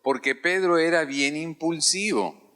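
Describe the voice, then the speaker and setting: A man's voice: a little high, a little slow, bright, forceful tone. A male pastor preaching a sermon in a church, calling out hallelujah and having the congregation repeat phrases after him.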